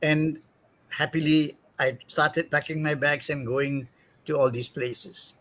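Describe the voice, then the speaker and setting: Halting older man from Singapore. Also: fairly high pitch, fairly even intonation, bright, forceful tone, low-quality recording. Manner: halting, many fillers and self-corrections. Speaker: interview guest. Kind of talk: career story in an interview.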